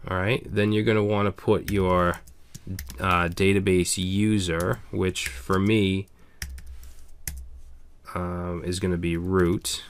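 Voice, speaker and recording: A man, slightly hoarse, casually explaining a programming tutorial step by step, with frequent "okay" and "all right". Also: low-pitched, flat delivery, slow pace, long pauses, slight background noise. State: slightly hoarse, losing his voice. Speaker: programming instructor. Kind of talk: screencast coding tutorial.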